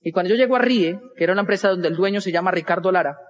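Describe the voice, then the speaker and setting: A man's voice: high-pitched, big-room sound, highs cut off, noisy background. A young man with a Colombian Spanish accent, telling a stand-up story and acting out the other voices. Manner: animated, acts out dialogue with quick voice switches. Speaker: stand-up comedian.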